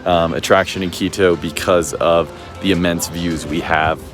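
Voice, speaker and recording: A man talking casually as a travel vlogger, relaxed and chatty, filling gaps with "you know" and "like.". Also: deep voice, normal speed, soft background music. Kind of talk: casual travel vlog narration. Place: outdoors on a hilltop city viewpoint.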